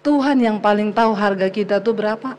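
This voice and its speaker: A woman pastor preaching a sermon as a lively personal story, speaking straight to the congregation and laughing often. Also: medium pitch, fairly quick. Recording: long hall reverb.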